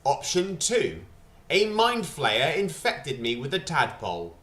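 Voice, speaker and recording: A male streamer talks in a chatty, jokey way on a gaming livestream, his bright voice set slightly high. He takes his time with each line. His desk microphone picks up a roomy echo. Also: huge pitch swings, slow pace. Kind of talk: casual livestream commentary.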